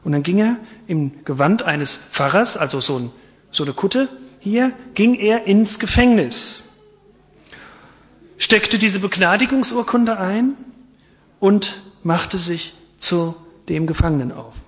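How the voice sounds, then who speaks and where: A male preacher tells a story in an earnest, dramatic sermon. His voice sits high for a man. It carries through a church with a long reverb. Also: animated, takes it slowly, a bit bright.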